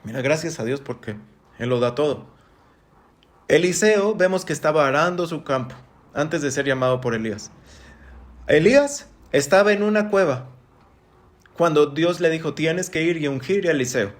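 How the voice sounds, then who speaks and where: Animated preacher man. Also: a little high, moderate pace, long pauses. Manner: animated, big swings between loud and hushed, sound-effect interjections. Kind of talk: sermon teaching.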